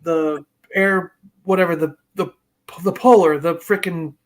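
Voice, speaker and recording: A man's voice: on the high side, steady tone, a little slow. A man talking casually on a live chat, loose and searching for words.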